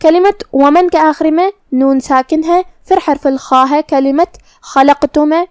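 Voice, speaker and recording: A woman teaching Quran recitation, explaining each letter's pronunciation slowly and precisely. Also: high-pitched, darkish tone, dry recording. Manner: slow, careful, precise articulation. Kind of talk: tajweed lesson, explaining letter by letter.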